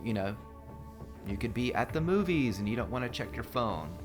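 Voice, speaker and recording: A man's voice: mid-range voice, very animated, moderate pace, over music. A man casually talking through a mobile strategy game guide as a screen-recorded voice-over, loose and full of fillers and restarts.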